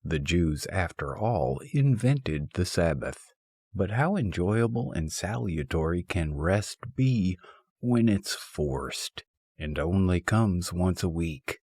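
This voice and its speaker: An audiobook narrator with a low-pitched male voice reads a humorous essay slowly, wry and mock-scholarly, his tone rising and falling in a lively way. He has a breathy edge, and the recording is dry and close with no room sound.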